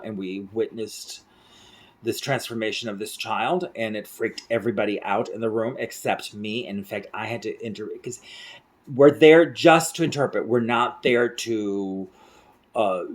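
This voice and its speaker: A middle-aged interpreter and vlogger from central rural Mexico tells stories to the camera in a rambling, casual way, full of fillers and restarts. His voice is lowish, and he's recorded close up in a small room at night.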